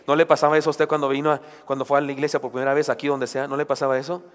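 A man's voice: medium pitch, little pitch movement, very fast. A man preaching a sermon, emphatic, with rhetorical questions and joking asides. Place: church sanctuary. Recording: long church hall reverb.

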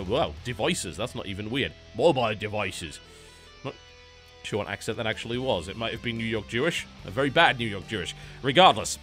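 A British man hosting an esports show, wrapping up a match with energetic, quick-fire commentary. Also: mid-range voice. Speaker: esports caster and show host. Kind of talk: post-match commentary wrap-up.

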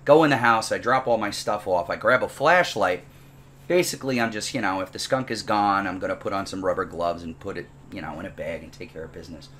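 A man's voice: low-pitched, fast, slight background noise. A man teaching a programming class from his home, telling a funny story in a casual, exaggerated, self-mocking way. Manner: animated, comically exaggerated, self-deprecating. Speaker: programming instructor. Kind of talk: casual storytelling before a lesson. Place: at home, dining room table.

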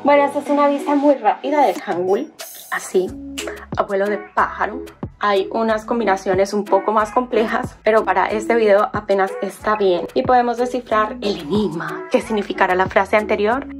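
A woman's voice: mid-range voice, music in the background. A woman teaching an alphabet, spelling out syllables one by one in a patient, explaining way. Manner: patient, spelling out sounds slowly. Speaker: language teacher. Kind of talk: explaining on a whiteboard.

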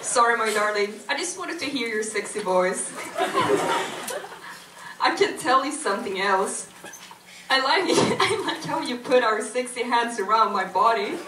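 A woman's voice: fairly high pitch, lively intonation, unhurried, far from the mic, crowd noise, background noise. Woman reading giggly flirty Lisa. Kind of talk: live amateur script reading. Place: cinema stage before a live audience. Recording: echoey hall, picked up from afar.

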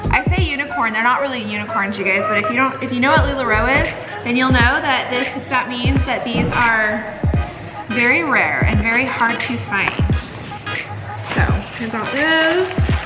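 A woman's voice: on the high side, moderate pace, roomy sound, over loud music. A woman vlogging casually at home, chatting and gushing about clothes. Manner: chatty, gushing, coos at the kids. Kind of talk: casual vlog chat.

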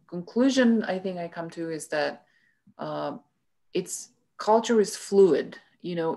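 A middle-aged woman with a slightly low voice talks reflectively as a guest speaker over a video call. Her phrasing is conversational and halting, broken up by frequent "you know" asides. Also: a little mellow. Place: indoor room with bookshelves.

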